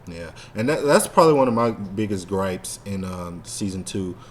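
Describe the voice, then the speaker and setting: He speaks in a deep voice at a moderate pace, some faint noise in the background. As co-host of an easygoing fan podcast, he rambles, uses slang freely, and fills his talk with "like."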